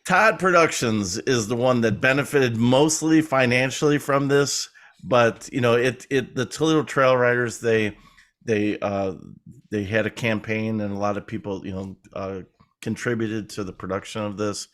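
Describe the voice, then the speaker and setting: A man's voice: mid-range voice, normal speed, a bit bright. A man talking as a guest in a podcast interview, rambling and conversational with a self-deprecating streak. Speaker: guest, film producer.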